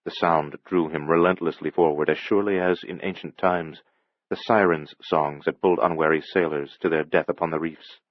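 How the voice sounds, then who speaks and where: A man giving a measured, dramatic scripted audiobook narration. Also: rumbling low, fairly even intonation, no echo, muffled recording.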